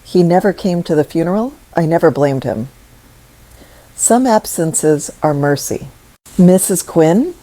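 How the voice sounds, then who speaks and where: A woman narrating a scripted story in a slow, measured, softly emotional way. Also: low-pitched, animated, no echo, poor audio.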